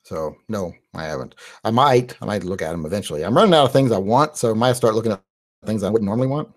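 A man in his forties from West Virginia talks quickly in a voice on the low side, with lively intonation. Hosting a live-stream Q&A, he answers viewers loosely and chattily, dropping "uh" fillers often. He uses headphones and a large boom-mounted studio mic in his small home studio.

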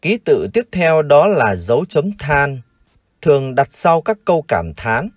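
A Vietnamese man teaching English, who reads each word slowly and repeats it for learners to copy. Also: a little high, very animated, dry recording, studio quality. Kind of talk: vocabulary lesson, slow model pronunciations.

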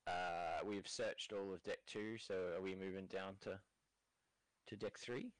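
A man's voice: low voice, fairly even intonation, measured pace, no echo, rough recording. A man playing in a tabletop game, speaking in a matter-of-fact way. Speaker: player. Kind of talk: casual game chat.

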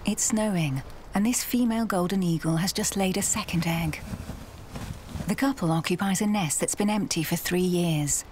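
Lower-pitched woman narrating a nature documentary. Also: moderate pace, a little mellow, a little hiss or hum.

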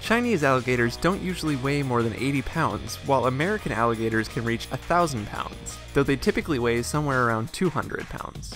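Male narrator, mid pitch, cheerful educational voice-over with light music underneath. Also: expressive, fairly quick, hardly any pauses, a bit bright.

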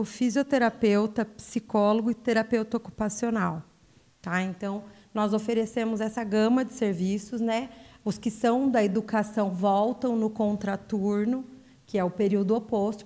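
A woman's voice: mid-range voice, darkish tone. A woman, explaining things in an interview into a handheld microphone. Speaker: school director. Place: indoors, small room.

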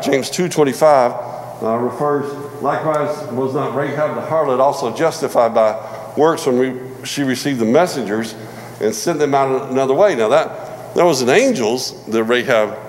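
A man in his forties preaching a sermon in a relaxed, conversational way, often repeating words and checking in with "all right?". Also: medium pitch, in a large hall, slight background noise, poor audio. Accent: non-Michigan American. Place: church hall.

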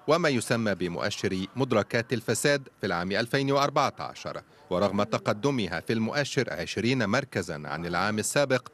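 A man reporting in a formal, steady, scripted news narration. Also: fairly low pitch.

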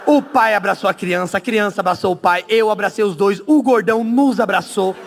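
A man comedian doing animated stand-up storytelling. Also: high voice, gravelly. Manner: animated, quick storytelling with laughs.

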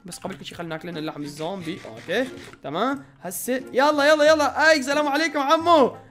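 A high-voiced man with an Iraqi accent narrating his gameplay at a rapid pace, excitable and full of repeated exclamations. Faint music runs behind him. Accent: Iraqi Arabic. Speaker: gaming channel host. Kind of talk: let's-play gameplay commentary.

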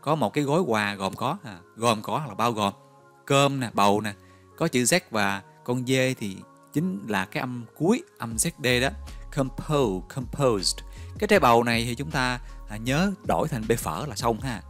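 A man teaches English vocabulary in a recorded lesson. He spins vivid memory stories in a lively, coaxing way, pitched at a middle range. Faint music plays underneath. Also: moderate pace. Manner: lively, storytelling, coaxing with questions.

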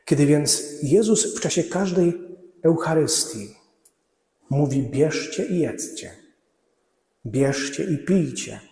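A middle-aged man preaching a measured Lenten sermon as a priest at a church lectern, his voice sinking low when he quotes scripture. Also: lively intonation, creaky, warm tone. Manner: slow, measured preaching with drops to a low voice at quotations. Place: large church, at the altar lectern. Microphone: far camera. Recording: echoey church reverb.

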